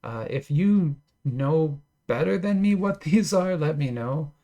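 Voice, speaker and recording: A man's voice: on the high side, lively intonation, a little slow, dark tone. A man casually talking through opening trading card packs, enthusiastic and chatty with lots of fillers and little laughs. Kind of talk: casual unboxing commentary.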